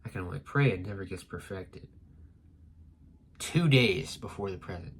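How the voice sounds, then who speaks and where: A man reading a comic aloud for a casual reaction stream, in a steady, plain delivery. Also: low-pitched, normal speed, a little hiss or hum.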